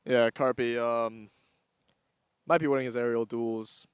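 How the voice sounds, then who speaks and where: Young male color commentator, casual and joking, smooth voice, dry mic. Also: medium pitch, little pitch movement, a little slow, no echo.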